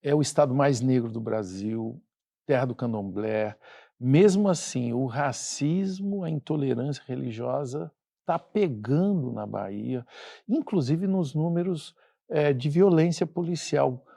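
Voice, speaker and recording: A man's voice: medium pitch, lively intonation, measured pace, creaky, mellow. A man hosting a studio TV interview, posing questions and nodding along with short affirmations. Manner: attentive, frequent short affirmations. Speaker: TV interview host.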